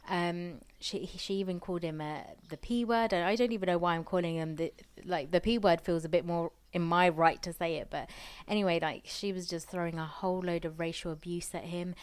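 Woman, lowish voice, young adult, casual storytelling, rambling, lots of "like" and restarts. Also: fairly even intonation, a little fast, clear, resonant tone. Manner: rambling, many fillers and restarts. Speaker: podcast host.

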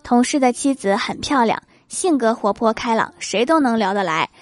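A woman's voice: fairly high pitch, moderate pace, faint music behind. A young adult woman delivering a comic monologue of short, wry everyday anecdotes. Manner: lively, wry storytelling. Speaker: comedian.

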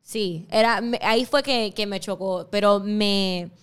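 A young woman, a musical theater actress chatting as a podcast guest, animated and laughing often. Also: mid-range voice, measured pace, clear, resonant tone. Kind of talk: casual interview chat.

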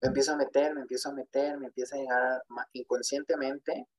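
A man's voice: mid-range voice, level tone, fast talker, low-quality recording. A man, a podcast guest sharing a personal faith testimony in an earnest, rambling storytelling way, often repeating himself and checking in with tag questions.

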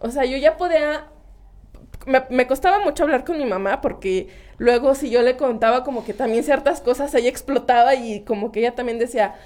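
Northern mexican woman telling a story, high voice, quotes her parents. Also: a little fast, darkish tone. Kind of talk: casual chat.

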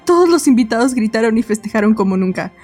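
A woman with a fairly high voice reads a fan story aloud to her friends in a casual, giggly way. She keeps cracking up between sentences, and faint music plays behind her. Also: lively intonation, fast, a little mellow, husky. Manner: keeps breaking into laughter mid-sentence. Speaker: narrator of a group fanfic reading.

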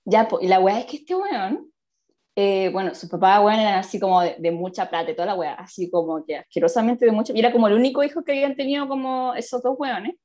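This story comes from a twenty-something Chilean woman chatting casually, her talk peppered with slang and frequent laughter. She speaks fast at a medium pitch, in an animated way.

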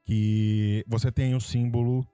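A man's voice: medium pitch, slow, smooth, dry recording. A man from São Paulo with a São Paulo accent, co-hosting a casual chat and telling history trivia playfully. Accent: Brazilian Portuguese, São Paulo. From São Paulo, Brazil. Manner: playful, animated storytelling. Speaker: podcast co-host.

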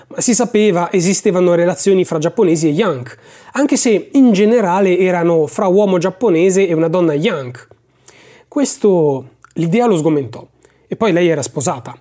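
An audiobook narrator giving a measured, expressive reading of a novel chapter. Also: medium pitch.

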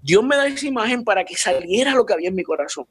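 Earnest man, higher voice. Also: lively intonation, racing, breathy edge, no room sound. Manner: earnest, repeats and restarts words, drops English words into Spanish. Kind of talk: personal faith testimony.

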